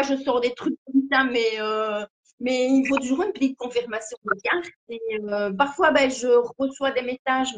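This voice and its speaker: A woman in her fifties from Belgium with a Liège accent, a guest clairvoyant talking hesitantly on a video call. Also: fairly high pitch. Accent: Liège Belgian French. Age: 50s. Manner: hesitant, many fillers, laughs nervously. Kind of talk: casual live-stream chat.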